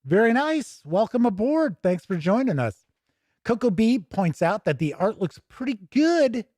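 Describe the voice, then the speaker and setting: His voice is high-pitched and slightly mellow, captured at studio quality without any echo. The man runs a tabletop gaming news and review show, and here he's on a relaxed livestream, talking viewers through a game book and reasoning aloud as he goes.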